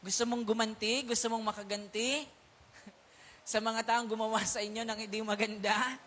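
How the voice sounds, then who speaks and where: A man's voice: sits high, little pitch movement, normal speed, bright, forceful tone, a little hiss or hum. A male pastor preaching a sermon at a prayer meeting, mixing in English words and checking if listeners are still with him. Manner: keeps asking if listeners are still there; mixes English words into speech.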